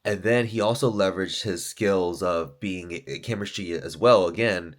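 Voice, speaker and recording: A man's voice: low-pitched, normal speed. A man who is an author and podcaster, talking through his thoughts in a loose, rambling monologue, swearing often and saying "like" and "dude". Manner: loose, profane, full of fillers like "like" and "dude".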